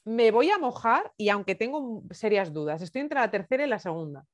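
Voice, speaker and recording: A woman hosting an interview, expressive, laughing and thinking aloud as she guesses. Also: on the high side, fairly quick, dry recording, clean studio sound. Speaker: interviewer, host. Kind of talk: casual conversational interview.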